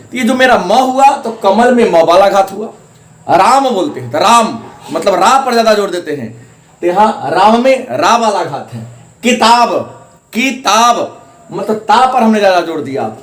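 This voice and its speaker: Male teacher from India, high voice, patient step-by-step grammar explainer, roomy echoey sound. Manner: repetitive, explaining step by step, stressing syllables. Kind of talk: classroom grammar lesson. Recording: echoey room.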